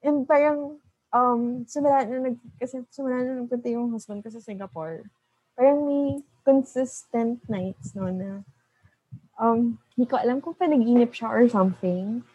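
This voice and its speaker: A woman's voice: a little high, moderate pace, mellow, slightly rough, dry recording, lo-fi sound. A woman telling a personal story in a casual, chatty way, with lots of fillers and asides.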